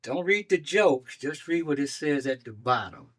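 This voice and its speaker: A man in his sixties, a doctor and guest on a talk show, telling his life story in a lively way, acting out the voices of people he quotes. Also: fairly high pitch, moderate pace. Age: 60s. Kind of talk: casual storytelling.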